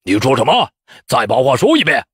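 A man's voice: mid-range voice, wildly swooping pitch, moderate pace, a little mellow, breathy edge, no room sound, studio quality. A man playing a haughty, hot-tempered young noble. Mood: arrogant. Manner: haughty, cold sneering.

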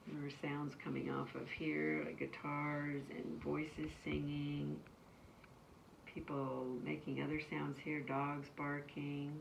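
A woman's voice: sits low, little pitch movement, gravelly. A woman who teaches nursery school, reading a picture book aloud to children and stopping to chat casually about the pictures. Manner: pauses to describe the pictures in a casual, chatty way. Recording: distant mic, faint background noise.

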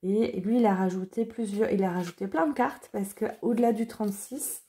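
Woman, casual deck reviewer, hesitant with fillers, mellow tone. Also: mid-range voice, fairly quick. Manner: hesitant, many fillers and restarts. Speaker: card reader and deck reviewer. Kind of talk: casual chat.

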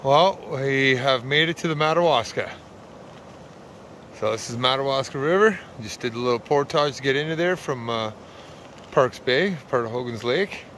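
Here the canoe-trip vlogger has a mid-range voice with a fairly bright tone and speaks at a normal speed, with a little hiss or hum in the recording. Tired but easygoing, he rambles through casual outdoor narration with fillers and laughs. He's recording on a handheld camera out on wilderness lakes and rivers.

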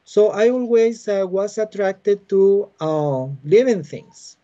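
Through a muffled laptop webcam on a video call, an expressive Costa Rican man in his forties gives explanatory interview answers in Spanish-accented English. A biologist and university teacher at home among bookshelves, he speaks in a soft, warm, slightly high voice, patient and halting with plenty of "uh"s.

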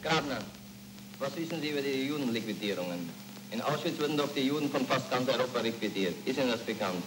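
A man's voice: medium pitch, animated, fast talker. A man questioning a prisoner in a stern, pressing way, heard from an old newsreel soundtrack. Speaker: interrogator. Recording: echoey, noisy old newsreel film.

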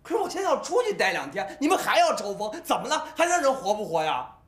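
An actor playing a lazy, gambling young husband in a family TV drama, speaking, first coaxing and then loudly exasperated. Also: male voice, high-pitched, very animated, fast. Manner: wheedling, then exasperated and loud. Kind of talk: Beijing-flavored TV drama acting.

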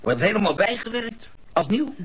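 An actor playing a smooth-talking male con man who poses as a handyman, with a glib salesman's patter in a radio play. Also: high-pitched, very animated, moderate pace, a bit bright, heavily acted, rough recording. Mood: wheedling.

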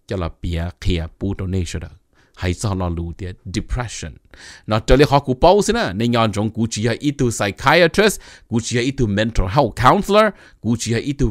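Animated man giving advice. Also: on the low side, dry recording, studio quality. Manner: animated, mixing in English terms. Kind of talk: casual informational talk.

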